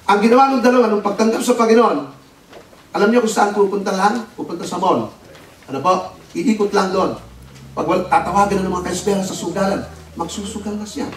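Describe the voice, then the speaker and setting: A man preaching as pastor, telling a story in an animated way and mixing in English words. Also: high voice, fairly quick. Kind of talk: sermon. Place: church hall. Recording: echoey hall, distant mic, noisy.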